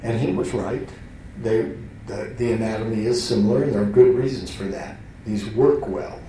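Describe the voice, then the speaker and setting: Heard from a distance in a roomy hall with slight background noise, this man lectures a class in a mellow, somewhat low voice at normal speed. He speaks conversationally, breaking into his own thoughts and often starting sentences over.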